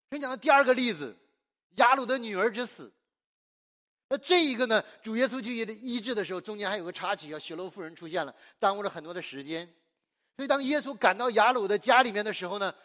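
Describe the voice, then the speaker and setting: Preacher, male, from China; high, very lively voice; emphatic call-and-response sermon style. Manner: call-and-response, asks the congregation and answers himself; exuberant and emphatic, laughs often.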